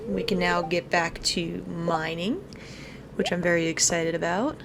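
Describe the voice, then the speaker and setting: In this casual let's-play, a woman with a lowish, creaky voice speaks a little slowly, chatting and thinking aloud as she plays. She reads the game's dialogue out loud. Background music plays, and there's some background noise.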